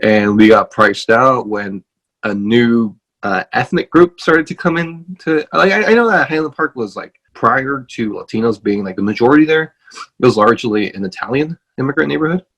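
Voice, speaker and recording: A man's voice: medium pitch, lively intonation, normal speed, a bit bright, poor audio. A man from Los Angeles, a guest on a podcast, talking casually over a video call and rambling with many fillers and restarts. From Los Angeles, USA.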